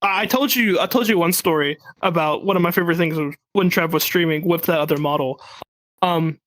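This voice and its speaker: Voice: mid-range voice, fairly quick, fairly bright tone, rough recording. A podcast co-host chatting casually, rambling with many fillers and restarts. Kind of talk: casual chat.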